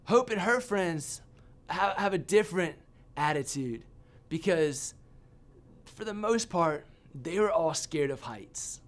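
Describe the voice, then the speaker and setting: A man giving a sermon as a youth pastor, telling a personal story with animated, self-mocking humor. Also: fairly high pitch, slow pace.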